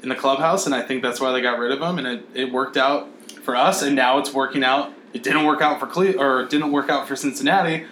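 A man's voice: mid-range voice, steady tone, a little fast, a bit bright, echoey room, a little hiss or hum. A man co-hosting a podcast in casual sports chat, blunt, opinionated and profane. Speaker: podcast co-host.

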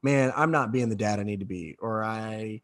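A man co-hosting a faith-based parenting talk. He speaks candidly and haltingly, often repeating words as he starts a thought. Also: on the low side. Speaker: podcast co-host.

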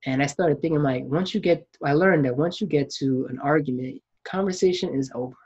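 A man's voice: on the high side, a little fast, darkish tone, husky, lo-fi sound. A man hosting a podcast, talking in a reflective, casual way and often restarting his sentences. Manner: reflective, frequent restarts and acted-out quotes. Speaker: podcast host.

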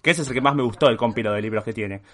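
A man's voice: mid-range voice, very fast. A man from Uruguay with a Uruguayan Spanish accent, co-hosting a casual podcast and recommending books with dry, teasing humor. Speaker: podcast co-host. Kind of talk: casual banter among friends.

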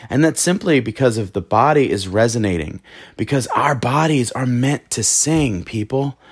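Excitable man teaching singing. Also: medium pitch, moderate pace, husky. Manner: emphatic, excitable, with frequent restarts. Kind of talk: casual online singing lesson. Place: home.

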